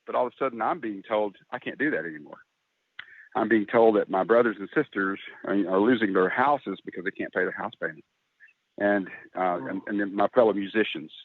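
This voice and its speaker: A man's voice: lowish voice, brisk, no room sound. A man speaking as a guest musician in a casual podcast interview, talking earnestly and emotionally, often laughing and restarting his sentences. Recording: tinny phone-like line, dry.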